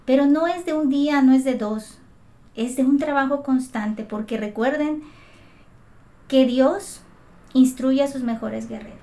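A woman from Mexico with a fairly high voice tells her story of faith in an earnest, emotional way. She circles back and restarts her phrases as she gathers her thoughts, speaking as a guest in conversation. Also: unhurried, dark tone. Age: adult mother. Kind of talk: heartfelt testimony in conversation.

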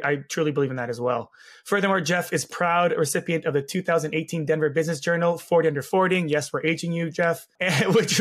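A man hosting a podcast in casual interview chat, his voice hoarse, raspy and gravelly from laryngitis. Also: on the high side, a bit bright. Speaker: podcast host. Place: home guest bedroom or office.

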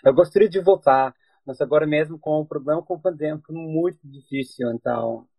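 A man, not a native speaker, with a foreign accent mixing European and Brazilian, chatting haltingly as an interview guest and searching for words. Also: fairly high pitch, gravelly, slightly rough, dry recording, lo-fi sound. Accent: foreign, mixing European and Brazilian Portuguese. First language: not a native Portuguese speaker. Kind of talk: casual chat.

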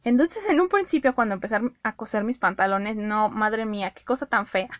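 A young woman with a Mexican accent, talking casually and directly to her viewers, giving advice and acting out her own inner dialogue in an animated way. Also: mid-range voice, a little fast, no echo. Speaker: vlogger giving life advice. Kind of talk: casual direct-to-camera talk.

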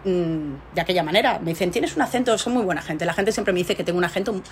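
A woman's voice: fairly low pitch, fast talker, slight background noise. A middle-aged woman scientist answering interview questions, telling her story with animation and many rhetorical tags. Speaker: scientist guest.

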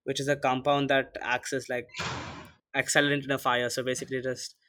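A man's voice: mid-range voice, level tone, fairly quick, bright, forceful tone. A teenage boy from India co-hosting a casual podcast, talking loosely with lots of fillers. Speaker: podcast co-host.

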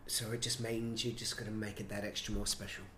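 Man, enthusiastic, somewhat low voice, echoey room. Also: fairly quick, slight background noise. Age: middle-aged. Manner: enthusiastic, animated storytelling. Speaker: choreographer and director, guest. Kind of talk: conversational interview. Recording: roomy echo, faint ambience.

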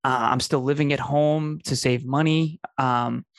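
A man's voice: medium pitch, fairly even intonation, measured pace, no room sound, clean studio sound. A man, telling his life story in an earnest, emphatic conversational way. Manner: earnest, emphatic, repeats phrases for effect. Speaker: podcast host telling his story as a guest.

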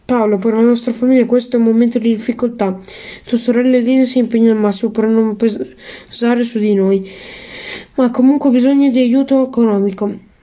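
A woman's voice: fairly high pitch, fairly even intonation, a little fast, warm tone, natural voice. A woman voicing an exasperated middle-aged father lecturing his son in a storybook.

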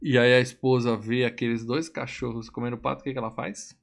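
A man's voice: medium pitch, a little fast, gravelly. A man casually retelling a film plot, swearing a lot and acting out the characters' lines. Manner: animated, profane storytelling with acted quotes. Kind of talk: casual film recap chat.

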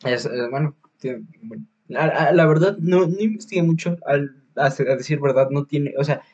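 A man's voice: a little high, normal speed, darkish tone, slightly rough, lo-fi sound. A man with a Mexican Spanish accent hosting a podcast, reviewing films in casual chat, rambling with many fillers, restarts and slang. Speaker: podcast host.

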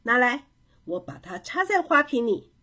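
A woman voicing a bustling wild boar neighbor who speaks briskly. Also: on the high side, big pitch swings, pushed and bright, slightly rough, heavily acted. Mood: cheerful.

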